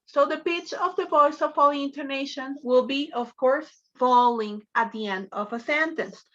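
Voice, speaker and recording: A woman's voice: high voice, moderate pace, fairly bright tone, dull audio. A woman English teacher giving an online class, encouraging and prompting her students with repeated questions.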